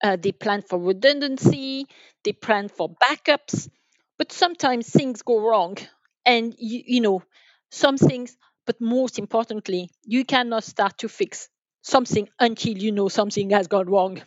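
With a fairly high pitch, a woman being interviewed on a podcast talks about business from her role as an enterprise sales manager. Her answers are conversational but halting, often circling back on words. The sound is dry and rather flat, like an online call with limited bandwidth.

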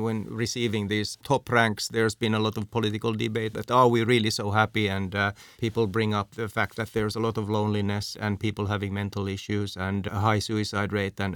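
A man from Finland hosting an interview, measured and steering the talk with questions. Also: on the low side, a bit bright, dry recording. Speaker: interviewer, host. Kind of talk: conversational interview.

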